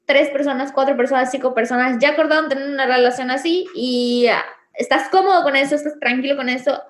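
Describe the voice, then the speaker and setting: A woman's voice: high voice, quick pace, reverberant. A young woman, chatting frankly and animatedly as a podcast co-host. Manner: frank, animated, uses many fillers. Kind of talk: casual chat.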